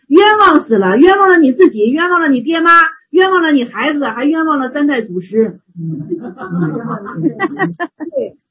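Animated high-voiced woman teaching Buddhism. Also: poor audio. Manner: animated, repetitive, emphatic. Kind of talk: dharma talk retelling a Zen story.

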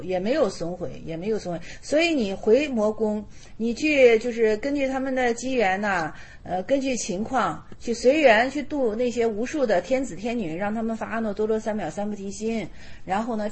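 A woman voicing a calm, kindly male sage who explains patiently and repeats himself. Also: medium pitch, brisk, breathy edge. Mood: gentle, instructive.

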